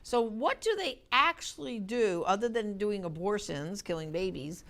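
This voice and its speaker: A woman's voice: medium pitch, animated, moderate pace, a bit bright. An American woman hosting a program, introducing and questioning in a conversational interview style.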